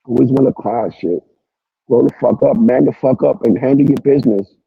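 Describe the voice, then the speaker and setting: A man's voice: mid-range voice, fairly quick, creaky, slightly rough, dry recording, phone-quality sound. A man hosting a livestream, ranting at people in a profane, confrontational, repetitive way. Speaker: live stream host. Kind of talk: heated livestream rant. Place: at work.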